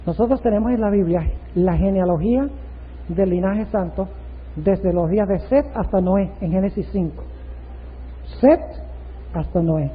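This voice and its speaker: A man's voice: sits high, a little slow. A male pastor preaching a sermon, emphatic and full of rhetorical questions. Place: church. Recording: tinny, echoey hall, radio-like.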